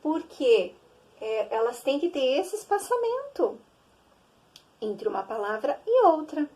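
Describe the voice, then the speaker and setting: Young Brazilian woman teacher, high voice, slow and sing-song, stretching out sounds for small children. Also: sing-song, dark tone. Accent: Brazilian Portuguese. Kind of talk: early-grade reading lesson.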